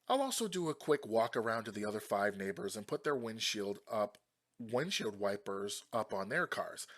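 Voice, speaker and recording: A man casually reading online posts aloud with expressive asides. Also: lowish voice. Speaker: Reddit story reader.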